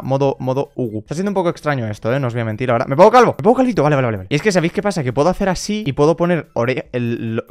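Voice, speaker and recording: A young Spanish-accented man talks fast through casual game commentary. His voice sits a bit high for a man, and he keeps repeating words in quick strings before jumping into sudden high-pitched shouts. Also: clear, resonant tone. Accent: Spain Spanish. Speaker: gaming content creator.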